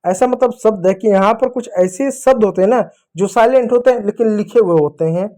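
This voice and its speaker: A male teacher giving an English lesson to children, slowly spelling out words letter by letter and repeating them. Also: sits high, mellow. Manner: slow, repetitive spelling-out of words.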